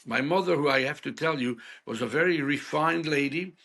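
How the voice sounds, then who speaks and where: A Hungarian man in his seventies, his voice on the high side, fairly quick and sharp in tone, frankly tells stories as a guest in an interview.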